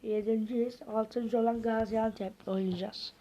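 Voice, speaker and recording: A woman's voice: fairly high pitch, steady tone, a little slow, dark tone, highs cut off. A woman giving casual gameplay commentary, talking to viewers and muttering reactions as she plays. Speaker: gaming video host.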